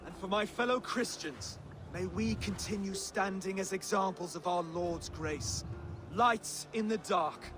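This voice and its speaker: A man voicing a gentle, earnest Saxon king in a video game, speaking in a measured, formal, oratorical way. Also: high voice, over music. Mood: solemn, hopeful.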